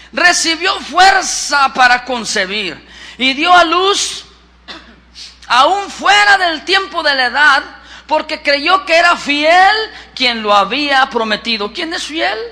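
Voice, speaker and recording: A man with a Mexican accent, a pastor preaching a lively sermon and questioning his congregation. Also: very high voice. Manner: lively, acts out scripture, asks the congregation questions.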